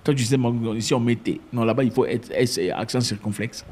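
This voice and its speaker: A man giving his opinion to camera in a casual, emphatic way, with sudden jumps in pitch. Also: brisk, husky. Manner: animated and emphatic, with sudden high pitch jumps and mock voices. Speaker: commentator.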